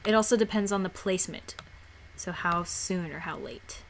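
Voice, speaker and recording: A woman's voice: fairly low pitch, moderate pace, creaky, a little hiss or hum. A woman giving a casual tutorial, rambling and often restarting or repeating her words. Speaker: tutorial maker. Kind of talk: casual screen-recorded tutorial.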